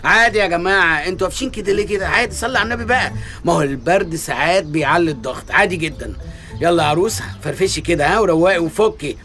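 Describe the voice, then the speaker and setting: Fast-talking Egyptian shopkeeper. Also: male voice, high-pitched, lively intonation, pushed and bright, faint music behind, exaggerated voice. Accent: Egyptian Arabic. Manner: fast, teasing, wheedling. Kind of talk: comic radio drama.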